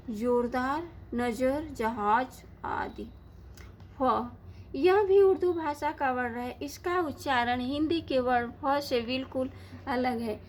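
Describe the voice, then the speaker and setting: A woman teaching a lesson, asking questions and answering them herself in a slow, deliberate way. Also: high voice, slight background noise. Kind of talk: Hindi grammar lesson.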